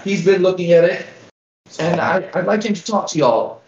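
A tiny, very old woman played by a man speaks as a worried, welcoming village elder in a tabletop game. The voice is lifted high, halting and pleading, heard a little off-mic in a roomy, dull recording. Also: darkish tone, recorded from a distance. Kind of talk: in-character tabletop game role-play.

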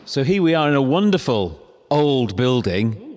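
A man's voice: mid-range voice, very animated, normal speed, a little mellow, slight background noise. A man hosting a podcast, presenting and interviewing in the manner of a travel guide. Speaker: podcast host. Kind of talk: scripted introduction and on-location interviewing.

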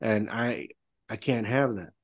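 A man's voice: on the low side, fairly even intonation, unhurried, dry recording. A man who is a real estate entrepreneur, speaking candidly as a podcast guest with frequent fillers. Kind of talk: casual conversation.

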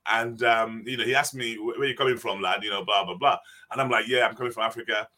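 A man's voice: lowish voice, fast talker, sharp tone. A man in his sixties, guest on an interview podcast, telling stories and often laughing as he talks. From England. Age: 60s. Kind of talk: casual interview.

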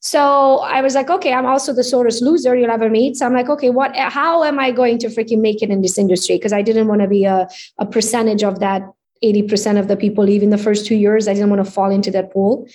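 A Romanian woman in her forties with a Hungarian accent appears as a real estate agent guest in a casual interview. Her voice is on the high side and fast, and she tells her story in an upbeat, animated way.

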